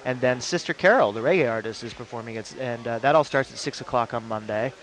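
Speaking fast in a mid-range, slightly bright voice, a male radio co-host chats loosely about local happenings. His delivery meanders, full of jokes, fillers, and restarts.

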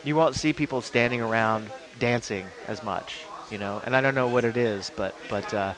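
A radio co-host with a mid-range voice talks at a moderate pace about local events, rambling and joking with lots of fillers and restarts. Crowd noise can be heard in the background.

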